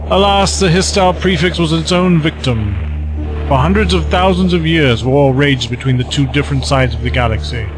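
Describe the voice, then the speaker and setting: A man's voice: fairly high pitch, moderate pace, close to an everyday voice, low-quality recording. An actor playing a scheming male villain who mocks and gloats in a theatrical way. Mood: gloating. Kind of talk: fan audio drama acting. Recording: music under the voice.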